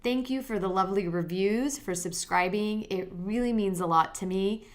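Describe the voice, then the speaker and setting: Speaking at a normal pace and medium pitch, this young woman lawyer hosts a podcast. She breaks legal subjects down one step at a time, sounding friendly, direct and soothing.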